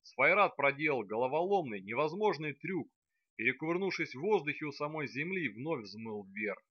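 A man narrating an audiobook with steady, measured reading. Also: on the high side, dry recording, dull audio.

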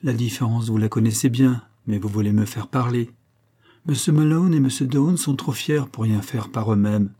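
A proud working man of about forty, read by a man. He speaks in a dark, mellow, slightly husky voice, earnest and plain-spoken. The storybook reading is steady and unhurried. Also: mid-range voice, close to an everyday voice. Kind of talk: audiobook character reading.

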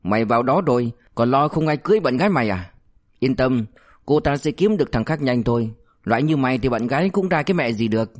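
A man's voice: medium pitch, animated, fast talker, close to an everyday voice. A man doing a sly, bullying cop. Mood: mocking. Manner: mocking, threatening, crude. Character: cynical, bullying male cop, sly and menacing.

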